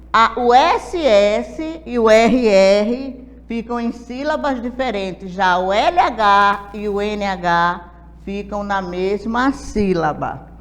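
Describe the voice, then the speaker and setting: Slow, patient Brazilian woman teacher. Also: mid-range voice, in a large hall. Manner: patient, explains step by step with check-in questions. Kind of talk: adult literacy lesson.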